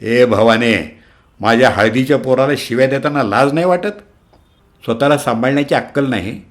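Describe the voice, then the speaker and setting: Sharp-tongued, scolding mother, voiced by a man. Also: mid-range voice, normal speed, close to an everyday voice. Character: sharp-tongued woman defending her son.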